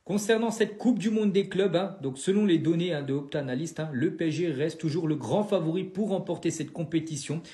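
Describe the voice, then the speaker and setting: A man recapping football news quickly, peppering his speech with fillers. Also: a little high, mellow, roomy sound. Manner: rapid, filler-heavy with frequent "hein".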